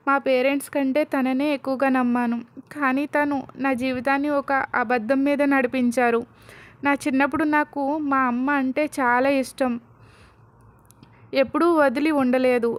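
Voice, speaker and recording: A heartbroken young man pours out his grief with pleading questions, as a woman narrator speaks his lines in her own high voice. It is told as a simple spoken storybook retelling. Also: level tone, normal speed, close to an everyday voice. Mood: grieving.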